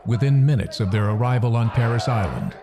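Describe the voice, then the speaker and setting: A man reading scripted documentary narration in a measured, solemn delivery. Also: medium pitch, big pitch swings, over loud music.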